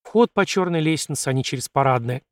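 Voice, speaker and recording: A man narrating an audiobook in an even storytelling manner. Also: mid-range voice, fast, no echo. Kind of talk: scripted narration.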